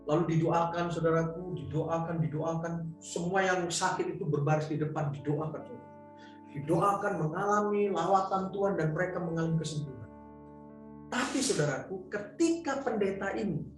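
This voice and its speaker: Preaching man in a booming echoey hall. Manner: emphatic storytelling, keeps addressing the congregation as brothers and sisters. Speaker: pastor. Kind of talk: sermon. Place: church hall. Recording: echoey hall from far off, faint music.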